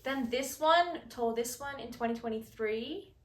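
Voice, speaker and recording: A young woman co-hosting a podcast in casual chat, talking in quick asides and laughing easily. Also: sits high. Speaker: podcast co-host. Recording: echoey room, voice distant from mic.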